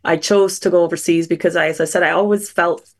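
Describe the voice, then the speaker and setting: Earnest woman with a low voice. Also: steady tone, fast. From Barbados. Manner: thoughtful, earnest, frequent small restarts. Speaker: scientist guest. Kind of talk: reflective personal storytelling.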